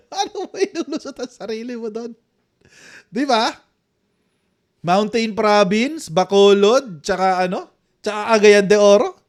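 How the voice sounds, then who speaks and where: A man with a Filipino accent doing casual live-stream commentary, animated and mocking, laughing often. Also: high-pitched, unhurried, pauses often.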